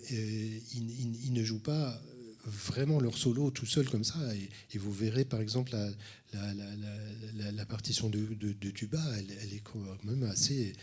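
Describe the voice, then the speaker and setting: A man's voice: medium pitch, a little mellow, husky. A man who teaches cello, introducing the next piece at a concert and often restarting his phrases. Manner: hesitant, many restarts. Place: concert hall at a conservatory.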